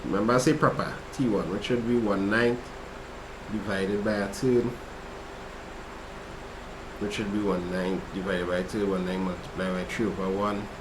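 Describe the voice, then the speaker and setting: A lowish male voice with a Trinidadian accent talks at a moderate pace and pauses often, tutoring maths on a casual livestream. Between steps he chats with viewers and reads their chat aloud, relaxed and chatty throughout this study session. The room is echoey, and there's background noise.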